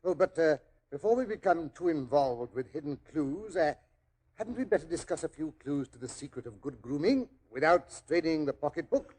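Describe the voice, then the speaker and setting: A genial older doctor in a 1940s radio play, his voice pitched fairly high. He is a fussy, old-fashioned raconteur who hesitates as he goes. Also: lively intonation, normal speed, a little mellow.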